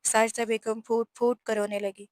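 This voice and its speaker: A woman's voice: fairly high pitch, flat delivery, darkish tone, dry recording. Woman narrating a romance story. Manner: measured storytelling. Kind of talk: reading a romance novel aloud.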